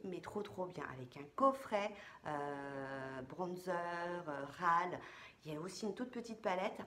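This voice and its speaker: A woman's voice: mid-range voice, slight background noise. Chatty woman's makeup haul. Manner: chatty, many fillers and restarts, playful asides. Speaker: beauty vlogger. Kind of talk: casual makeup haul vlog.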